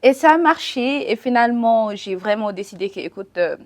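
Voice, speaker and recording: A young woman from Senegal, a guest in a casual chat, relaxed and laughing often, switching between French and English. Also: a little high, moderate pace. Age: young adult.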